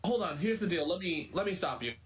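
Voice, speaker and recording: A young man chatting as a guest, emphatic and quick to cut in with his own points. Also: high-pitched, expressive. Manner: emphatic, interrupts to make points. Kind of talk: casual chat.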